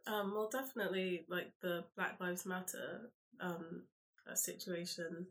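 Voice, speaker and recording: A young woman with a South London accent, speaking casually as an interview guest in an informal, halting way, as if thinking aloud. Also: on the low side, fairly even intonation. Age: young adult. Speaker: podcast guest, university student.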